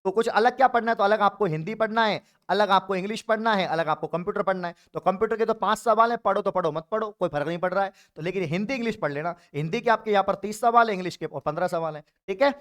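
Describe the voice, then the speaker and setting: A man's voice: high-pitched, quick pace, hardly any pauses, a bit bright. A man from Rajasthan, a coaching teacher giving an exam update online and encouraging his viewers, whom he calls friends and brothers. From Rajasthan, India. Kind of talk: YouTube exam update talk.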